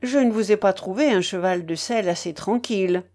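A woman's voice: medium pitch, brisk, a little mellow, close to an everyday voice. A woman voicing a jealous young male officer in an audiobook, speaking brusquely and sulkily. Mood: gruff. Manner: brusque and sulky. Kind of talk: audiobook character voice.

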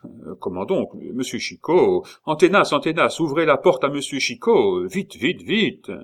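A man voicing an eager, apologetic male gate officer in an audiobook, speaking higher and louder than his narration. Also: animated, full character voice. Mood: fawning. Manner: apologetic, fussy, hurried. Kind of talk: audiobook character reading.

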